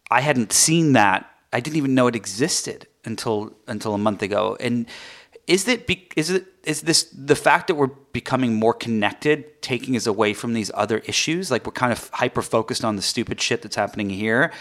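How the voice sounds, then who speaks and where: A man's voice: medium pitch, a bit bright. A man from England hosting a podcast interview, talking in a rambling way with many ums and restarts. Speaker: podcast host.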